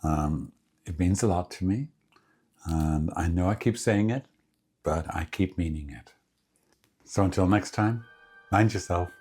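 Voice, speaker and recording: A man with a deep, husky voice talks through a recipe in his home kitchen. He sounds relaxed and chatty, a cooking host who savors each bite out loud as he tastes. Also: a little slow, pauses often, soft background music. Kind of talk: casual cooking demonstration.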